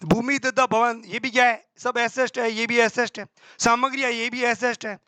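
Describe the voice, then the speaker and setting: A male teacher running a quick exam-prep accounting class, quizzing himself aloud and answering in a student's voice, with homely examples. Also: extremely high pitch, fairly even intonation, bright, forceful tone, clear, resonant tone, no echo. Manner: brisk and colloquial, with homely examples.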